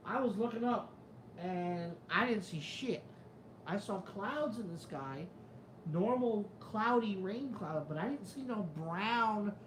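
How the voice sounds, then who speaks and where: High-pitched and roomy-sounding, with a noisy background, this man hosts a casual live chat and reads from it. He rambles, sounds skeptical and swears freely; he's from the New York area, and his New York Italian-American accent comes and goes.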